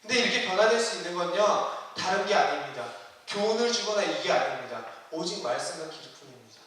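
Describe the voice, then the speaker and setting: Guy preaching in a church, kinda high voice, chatty, keeps asking the crowd stuff, big echoey hall far from the mic. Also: expressive, brisk, a bit bright. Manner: conversational preaching with questions to the congregation. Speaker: youth ministry preacher. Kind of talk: sermon. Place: church sanctuary. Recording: roomy hall, distant mic.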